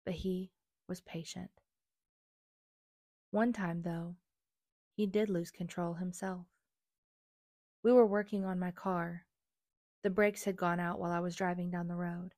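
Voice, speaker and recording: Brief: young adult woman, low voice, earnest first-person memoir reading, dry close sound. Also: steady tone, unhurried, long pauses, a little mellow, no room sound. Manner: earnest, confessional. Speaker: memoir narrator.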